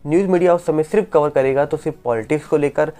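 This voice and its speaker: A woman giving rapid spoken news commentary on entertainment stories, full of rhetorical questions and emphatic repetition, on a close voice-over mic. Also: low voice, mellow.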